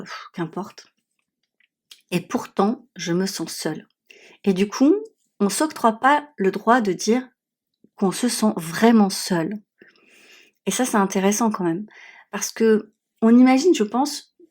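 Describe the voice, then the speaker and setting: A woman's voice: medium pitch, darkish tone. A woman podcast host talking reflectively and conversationally, with a small, stuffy-nosed voice affected by swollen tonsils. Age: adult, has children. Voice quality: congested, slightly nasal small voice. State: sore throat, swollen tonsils, blocked stuffy nose. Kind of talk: conversational solo podcast monologue. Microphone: newly bought podcast microphone.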